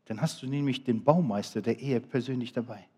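A middle-aged man delivers a sermon in a warm, dark voice. He builds to loud, emphatic appeals and then falls to hushed, quiet remarks. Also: mid-range voice, fairly quick, husky. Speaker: preacher.

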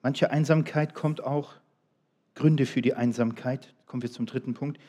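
A middle-aged man delivers a sermon in a warm, dark voice. He builds to loud, emphatic appeals and then falls to hushed, quiet remarks. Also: mid-range voice, fairly even intonation, moderate pace. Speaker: preacher.

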